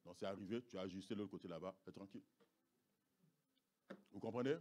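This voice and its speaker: A man's voice: sits low, brisk, warm tone. A man preaching a sermon as pastor, emphatic and repetitive, often asking the congregation if they understand. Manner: emphatic, repeats phrases, asks the congregation "vous comprenez?". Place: church.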